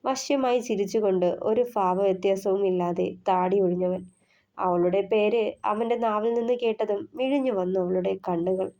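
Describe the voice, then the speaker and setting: A woman narrating an audio novel in a steady storytelling manner. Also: medium pitch, normal speed.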